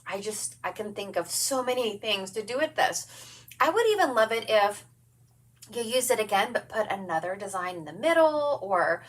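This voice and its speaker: A woman's voice: medium pitch, lively intonation, moderate pace. A woman hosting a home craft livestream, chatting with viewers in a bubbly, enthusiastic way. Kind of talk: upbeat livestream sales chat. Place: home, at her craft table. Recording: distant mic with faint room noise.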